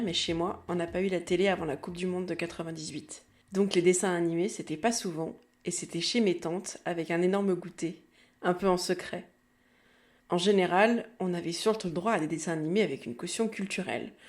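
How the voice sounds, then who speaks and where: A woman in her thirties with a French accent from France hosts a nostalgic podcast monologue, wry, confiding and conversational. Her voice is fairly low, a little mellow and brisk, with fairly even intonation and faint music in the background.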